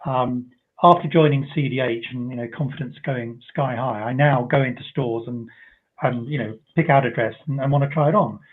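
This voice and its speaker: A man's voice: medium pitch, moderate pace. A chatty man telling anecdotes on a live-stream panel over a video call. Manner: chatty storyteller who acts out voices in quotes. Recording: tinny phone-like audio.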